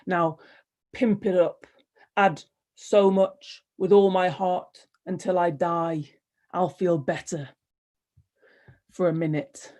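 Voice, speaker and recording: A woman poet reading her poems aloud in a measured, wry delivery, with hesitant, rambling asides between them. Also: on the low side, a little mellow. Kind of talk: poetry reading with spoken asides.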